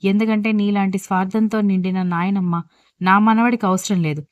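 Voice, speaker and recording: A woman's voice: mid-range voice, steady tone, a little fast, dry recording, lightly acted. Woman reading as a stern scolding husband. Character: stern angry older husband, blunt. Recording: dull dry lo-fi recording.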